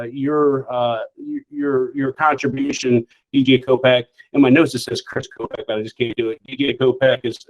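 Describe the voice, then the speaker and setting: A man leading a state office, giving informal, halting remarks at a virtual award ceremony. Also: medium pitch. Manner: informal, halting, lots of "uh" and repeated words. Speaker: state office executive director presenting an award. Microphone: video call. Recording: lo-fi video call audio.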